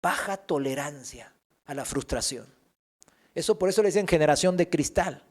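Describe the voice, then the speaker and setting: Male pastor with a high voice, animated sermon delivery with comic put-on voices. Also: moderate pace. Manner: animated preaching, acts out whiny voices for comic effect. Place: church.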